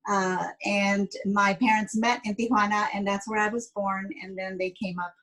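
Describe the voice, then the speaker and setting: In poor audio, a San Jose educator in her fifties who once worked as a pastry chef chats through explanations and stories in a casual way as an interview guest. Her mid-range voice is a bit bright, delivered flatly at a moderate pace.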